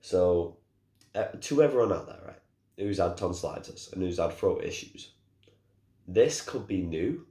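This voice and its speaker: Hoarse deep-voiced young man, rambling. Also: animated, unhurried, warm tone, reverberant. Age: young adult. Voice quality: very deep, cracking voice. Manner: rambling, restarts often, apologetic. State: hoarse, sore throat. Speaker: gaming YouTuber. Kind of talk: casual rambling vlog.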